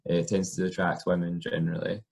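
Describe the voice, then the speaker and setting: A young occupational therapist from Scotland talks informally to camera about his career, relaxed and full of ums and uhs. His voice is low, gravelly and a little fast.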